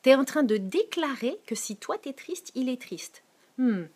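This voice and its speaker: A woman with a Quebec French accent giving a casual, animated sermon, reading and answering viewers' comments as she goes. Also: a little slow, slightly rough. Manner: animated, switching to soft low tones for scripture. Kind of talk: informal live-stream sermon.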